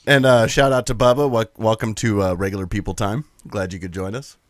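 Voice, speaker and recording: A man's voice: fairly low pitch, fairly even intonation, brisk, no room sound, clean studio sound. A man playing a tabletop game, chatting in casual, joking, profane banter.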